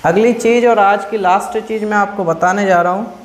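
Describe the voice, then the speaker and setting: A man with a fairly high voice teaches a grammar lesson, drilling points through repetition. He poses questions to his viewers and answers them himself, checking in again and again. His voice rings in a noticeably echoey room. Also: steady tone, moderate pace. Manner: repeats "ठीक है?" checks, asks and answers own questions.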